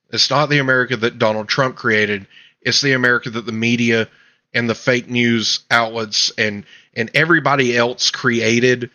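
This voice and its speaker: Male host, mid-pitch, forceful bright tone, emphatic ranting commentary. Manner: emphatic, ranting, trailing restarts. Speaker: podcast host. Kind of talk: casual political commentary.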